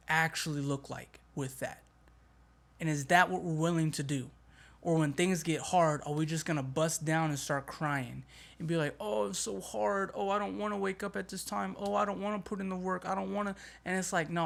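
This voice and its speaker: A man hosting a motivational podcast, talking in an energetic, emphatic way with casual slang. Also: on the high side. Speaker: podcast host. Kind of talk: motivational talk.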